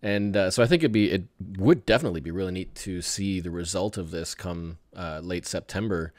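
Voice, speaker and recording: Laid-back guy hosting his podcast, lowish voice, lots of uhs and little laughs. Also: a little fast, dry recording, studio quality. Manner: relaxed, rambling with filler words, chuckles. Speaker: podcast host. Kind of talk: casual podcast chat.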